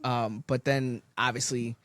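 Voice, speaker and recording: A young man, casually telling a story on a podcast, animated and swearing, loudly acting out quotes. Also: mid-range voice, unhurried, no echo. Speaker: podcast co-host.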